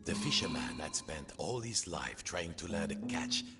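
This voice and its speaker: A man narrating a storybook video game in a dramatic, expressive storyteller's manner. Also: rumbling low, normal speed, loud music behind the voice.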